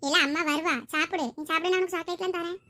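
A woman's voice: very high voice, fairly even intonation, very fast, sharp tone. Woman playing an exasperated father. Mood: coaxing. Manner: coaxing then scolding, exasperated. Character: stern impatient father feeding his little son.

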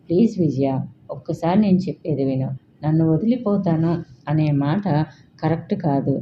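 A woman's voice: low voice, normal speed, lightly acted. A woman voicing a young male boss who pleads with the woman he loves, in an urgent, pleading manner. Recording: dull, faintly hissy recording.

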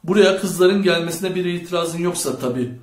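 A man's voice: high voice, moderate pace, voice pushed up, natural voice. A bold, charismatic schoolboy ringleader who talks with playful confidence and orders his friends around, as a male audiobook reader puts him on. The voice sits a little above the reader's own. A roomy echo surrounds it. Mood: cocky. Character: bold charismatic teenage boy leader. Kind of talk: audiobook character voice.

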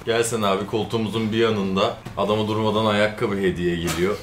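A man's voice: on the low side, fairly even intonation, fast. A young man from the United States, co-hosting with casual, joking banter. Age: young adult. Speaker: co-host. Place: indoor lounge set on a sofa. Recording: echoey room, clear background noise.

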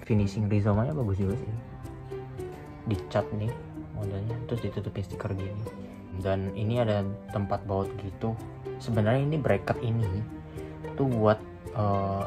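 Young man chatting casually over loud music. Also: fairly low pitch. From Indonesia. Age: young adult. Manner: chatty, addresses viewers as guys. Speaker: motovlogger reviewing a phone holder. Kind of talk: casual Jakarta-slang unboxing chat. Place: small indoor room beside a motorbike.

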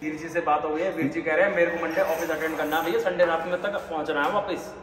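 A man's voice: fairly high pitch, steady tone, rapid-fire. A man bantering playfully with friends, laughing off their teasing, recorded in an underground parking basement. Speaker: riding friend. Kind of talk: casual banter. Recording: echoey basement with chatter.

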